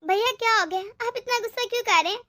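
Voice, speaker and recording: A woman voicing a meek, self-blaming young widow in an animated family story, speaking softly and sorrowfully. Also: extremely high pitch, quick pace. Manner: soft, sorrowful, tearful. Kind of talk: animated cartoon voice acting.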